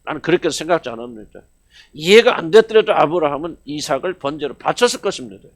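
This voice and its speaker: Animated emphatic pastor preaching a sermon. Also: male voice, on the high side, fast. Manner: emphatic, rhetorical questions to congregation; swings between loud exclamations and hushed asides. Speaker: senior pastor. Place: church service.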